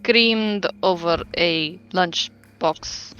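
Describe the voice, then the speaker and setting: A woman's voice: lowish voice, drawn-out words, fairly bright tone, lo-fi sound, pitched below the performer's own voice. A woman voicing a blunt, exasperated male camp-keeper in a tabletop game, firing off scolding questions.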